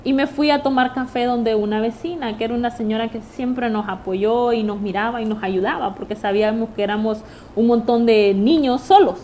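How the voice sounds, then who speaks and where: A woman's voice: on the high side, normal speed, a little mellow, a little hiss or hum. A woman giving a personal testimony sermon, talking earnestly and directly to the listener and repeating her points.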